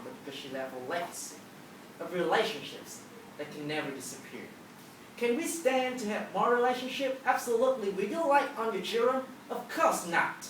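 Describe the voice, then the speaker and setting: Echoey, emphatic woman giving a talk. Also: lowish voice. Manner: emphatic storytelling, acting out dialogue. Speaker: public speaker, teacher. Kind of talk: motivational talk to a live audience. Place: large auditorium with an audience. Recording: echoey hall, distant, noisy.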